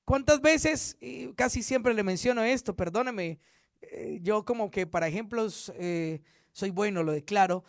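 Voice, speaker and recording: A pastor with a very high, smooth, clear voice teaches a Bible study. He speaks earnestly, repeats key points and often corrects himself mid-sentence. The recording is dry and close. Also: measured pace, no room sound.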